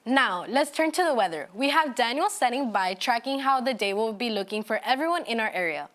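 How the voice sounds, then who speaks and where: Young female, higher voice, student co-anchor delivering scripted news copy. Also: lively intonation, brisk, fairly bright tone. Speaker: student co-anchor of mock newscast.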